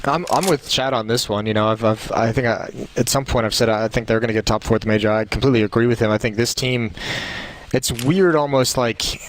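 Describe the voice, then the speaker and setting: Man, esports caster, analytical match commentary, conversational delivery, medium pitch, faint clicks and game noise. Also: steady tone, a little fast.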